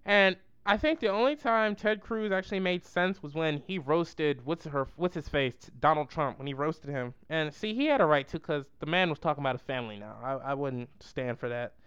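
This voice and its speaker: A vlogger giving a casual, slangy and rambling political roast, with a clear voice. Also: mid-range voice, expressive, normal speed, few pauses, a bit bright, dry recording, highs cut off.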